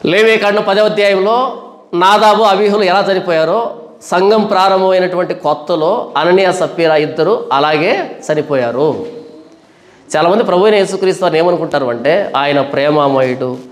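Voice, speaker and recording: Casting: male preacher with a high voice, fiery emphatic sermon delivery, echoey room. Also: normal speed. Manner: emphatic, fiery, full of rhetorical questions.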